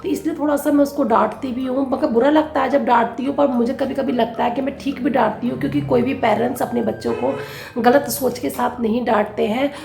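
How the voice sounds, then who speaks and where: A woman's voice: sits high, steady tone, fairly quick, gravelly, darkish tone, roomy sound. A woman chatting casually through a home vlog with a rambling, homely way of giving advice. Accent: Hindi, north Indian. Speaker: vlogger. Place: home kitchen.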